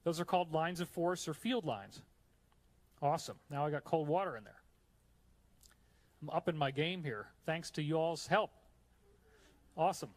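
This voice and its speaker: In a hot room, a New York man delivers a live slide lecture in a fairly high, animated voice at a moderate pace. The enthusiastic conference speaker keeps up friendly asides to the audience between his points.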